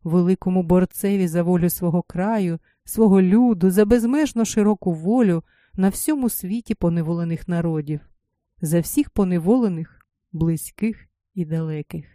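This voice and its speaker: A woman's voice: on the low side, moderate pace, dark tone, no room sound, studio quality. Solemn woman reading a story aloud. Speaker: narrator. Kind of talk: scripted literary narration.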